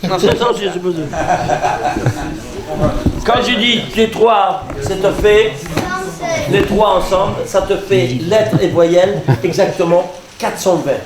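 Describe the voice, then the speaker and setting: A man, a rabbi, teaching a lively lesson and quizzing his audience. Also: sits high, a little slow, pauses often, a crowd in the background. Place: lecture hall with audience. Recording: echoey hall with audience.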